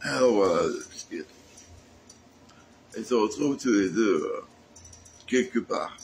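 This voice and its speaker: Slow, hesitant male narrator. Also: on the low side, expressive, gravelly, darkish tone, a little hiss or hum. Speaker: sketch narrator. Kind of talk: casual comic narration.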